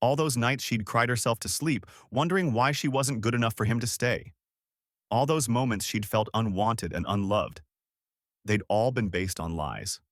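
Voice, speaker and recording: A man giving scripted narration of an emotional drama story in a measured, even way. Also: mid-range voice, no echo, clean studio sound.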